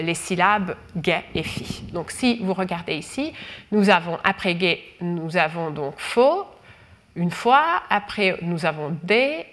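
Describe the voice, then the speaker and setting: A woman giving a lecture, explaining carefully with frequent fillers and restarts. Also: fairly low pitch. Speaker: researcher lecturing.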